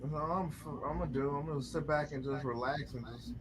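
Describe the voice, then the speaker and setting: A man's voice: a little high, a little fast, rough recording. Laid-back rambling man over crowd noise. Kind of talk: casual rambling chat.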